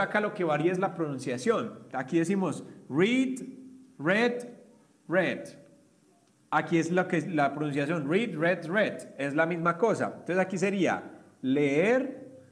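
A man, teaching an online English class and explaining step by step with frequent checks. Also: on the high side.

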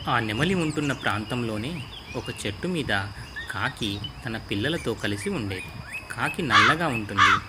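A man narrating a children's story in a clear, measured storytelling manner. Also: medium pitch, lively intonation. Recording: noisy with insect and bird ambience.

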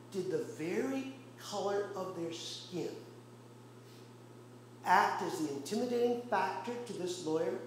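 A male pastor preaching a sermon with impassioned rhetorical questions and pauses, recorded in a church. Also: high voice, a little mellow. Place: church sanctuary. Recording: very echoey church room, faint hum.

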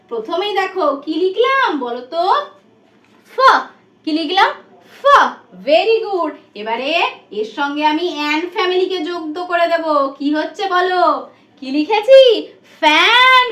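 Woman primary teacher with a Bengali accent, very high pitched, sing-song coaxing delivery, recorded in an echoey room. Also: a bit bright. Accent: Bengali, from West Bengal. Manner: sing-song, coaxing questions with frequent "tai to?" prompts. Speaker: primary teacher giving a demo class. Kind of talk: demo class teaching English words to small children.

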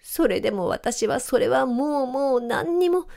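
A woman's voice: on the high side, animated, moderate pace, warm tone, pitched above the performer's own voice, natural voice. A woman voicing a sly, whining, two-faced cat in a storybook reading. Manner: whining, falsely sweet.

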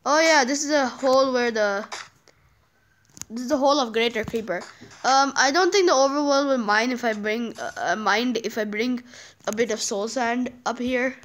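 A young woman with a high, bright voice talks through a video game session. She chats casually and bursts into excited exclamations as things happen. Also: moderate pace. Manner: excitable, chatty, frequent exclamations. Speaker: gamer.

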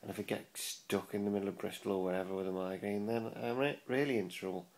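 A man's voice: on the low side, steady tone, fast, a little mellow. A British man in his forties talking casually to a phone at arm's length in a weary, self-deprecating video diary, recorded indoors. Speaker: vlogger. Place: small room indoors, lying on a pillow.

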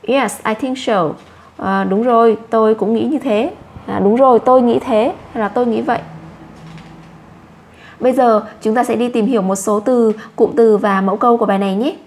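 A woman with a Vietnamese accent teaching English to children, saying each English word slowly twice and explaining it in Vietnamese. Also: on the high side, steady tone, darkish tone. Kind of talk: slow classroom explanation for children.

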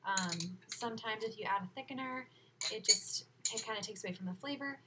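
A woman's voice: mid-range voice, fairly quick. A young woman giving a casual, upbeat cooking demonstration in a small home kitchen, moving around as she talks. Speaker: cooking instructor. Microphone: laptop webcam at a distance. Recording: loud cooking noise and clicks.

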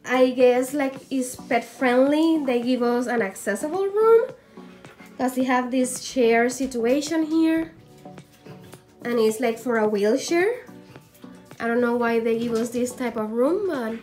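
High-voiced chatty woman vlogging. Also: lively intonation, a little slow, darkish tone, soft background music. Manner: chatty and playful, with little laughs. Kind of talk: casual vlog narration.

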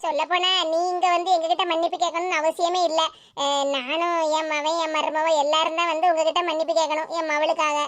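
Woman playing a kindly mother, Tirunelveli Tamil accent, gentle and calm, dry close sound. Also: very high voice, brisk, dry recording. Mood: reassuring. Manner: gentle, soothing. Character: calm reassuring middle-aged mother.

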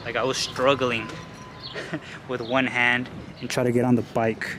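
Cycling one-handed through outdoor city streets, this young travel vlogger from Los Angeles rambles to his arm's-length camera with frequent fillers and restarts, slightly short of breath. He speaks at medium pitch in a level tone, a touch slowly, over heavy traffic and street noise.

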